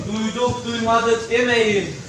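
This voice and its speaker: Distant noisy recording, town crier acted by a man, stage play, very high voice, slow drawn-out war proclamation. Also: flat delivery. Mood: solemn proclaiming. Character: village town crier summoning men to war. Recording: echoey noisy hall from far off.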